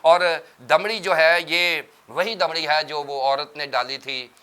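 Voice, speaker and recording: Bright, clear-voiced male pastor teaching. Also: a little high, steady tone. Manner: teacherly, explaining terms step by step. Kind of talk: religious TV panel discussion.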